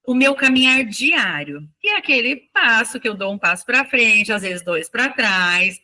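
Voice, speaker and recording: A woman teacher speaking as an interview guest, reflective and animated as she tells stories from her classroom. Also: on the high side, a little slow. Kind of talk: casual interview talk.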